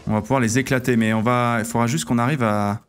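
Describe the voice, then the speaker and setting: Excitable male streamer in game role-play. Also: mid-range voice, fast talker, a little hiss or hum. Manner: excitable, exclamatory, thinks aloud.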